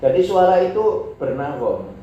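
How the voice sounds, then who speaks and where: A male teacher from Indonesia, giving a classroom lecture: he reads Arabic text aloud, then explains it in relaxed Indonesian with many repetitions. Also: high-pitched, normal speed. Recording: echoey hall, distant and dull mic, faint noise.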